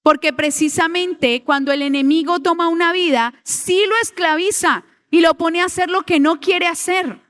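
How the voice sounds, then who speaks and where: High-voiced woman preaching to youth. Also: normal speed, hardly any pauses, fairly bright tone. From Colombia. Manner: earnest, pleading, acts out quoted voices. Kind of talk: sermon to young people.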